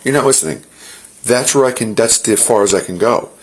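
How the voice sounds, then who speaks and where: A man's voice: lowish voice, brisk. A male police officer questioning a woman inside a home, firm and insistent, steering her back to the point. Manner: firm, insistent, keeps redirecting.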